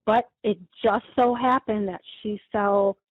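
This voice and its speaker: A middle-aged woman, a guest, retelling a scam call in a lively way, quoting each exchange and often restarting her sentences. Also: mid-range voice, a little slow, husky, no echo. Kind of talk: conversational storytelling. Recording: tinny phone-like line, dry.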